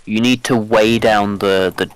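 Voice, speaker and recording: A man with a fairly low voice talks casually through a game. He thinks aloud and stops and starts as he goes. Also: fairly even intonation, measured pace, clean tone. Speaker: gamer. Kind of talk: casual gameplay chat.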